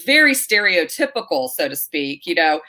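Here the same kind of guest, a middle-aged woman from North Carolina, speaks in a lowish voice at a moderate pace. Chatting casually in an interview, she spins lively stories with plenty of fillers and restarts.

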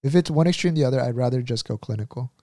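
A young man hosts a relaxed podcast conversation, chatty and laughing easily. His voice is warm and mellow. The recording is dry and close. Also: medium pitch, racing, no room sound. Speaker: podcast host. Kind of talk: casual podcast chat.

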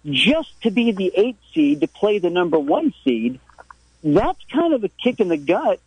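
A man debates sports on call-in radio, stumbling and repeating himself as he presses his argument through a muffled phone line. His high voice swings widely in pitch, sounding a little mellow and slightly rough, with no room sound.

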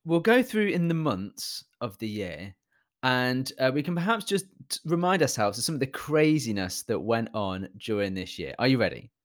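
A man's voice: mid-range voice, very animated, normal speed. A British man co-hosting a podcast in casual, wry banter, often starting his sentences over. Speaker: podcast co-host. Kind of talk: casual chat.

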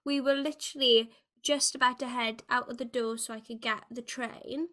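A woman with a Welsh accent hosting a casual chat, telling stories in an animated, exaggerated, giggly way. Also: a little high, moderate pace. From Wales. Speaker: video host.

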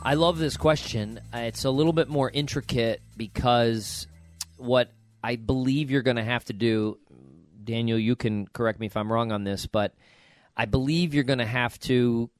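Man, podcast host, hoarse, raspy smoker-like voice, colloquial, jokey, casual chat, dry sound. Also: mid-range voice, moderate pace, no room sound, soft background music. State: hoarse from allergies.

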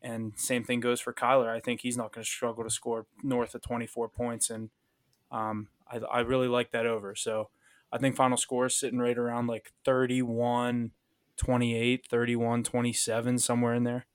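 A man's voice: medium pitch, completely flat delivery, moderate pace, no room sound, clean studio sound. Easygoing man chatting about picks. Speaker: podcast co-host. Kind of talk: casual sports betting chat.

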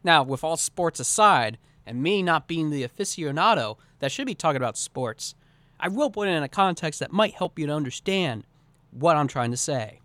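A man's voice: a little high, animated, normal speed, fairly bright tone, dry recording. A man hosting a solo podcast, talking earnestly in long, winding sentences. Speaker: podcast host. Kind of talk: solo podcast monologue on communication.

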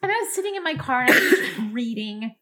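A woman's voice: high voice, big pitch swings, fast, bright, forceful tone. A woman in casual conversation, reassuring her friend and then telling a story in a matter-of-fact way. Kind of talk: casual chat.

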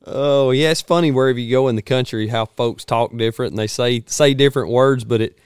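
Male podcast host, Georgia Southern accent, smooth and folksy, close dry studio sound. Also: medium pitch, a little fast, no room sound. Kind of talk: casual outdoors podcast chat.

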